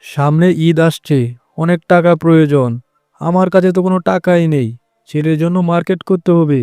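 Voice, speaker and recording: A man voicing a good-hearted poor woodcutter fox, a devoted husband, in an earnest, expressive cartoon style. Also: a little high, fairly quick, smooth, dry recording, clean studio sound, faint music behind, close to an everyday voice. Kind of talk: cartoon voice acting.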